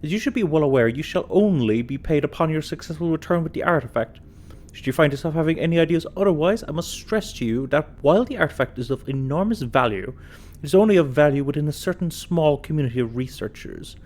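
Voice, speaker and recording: A man reading out a letter in a put-on posh British accent, playing a haughty, condescending gentleman. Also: on the high side, expressive, quick pace, voice pushed up, lightly acted. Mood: haughty, scornful.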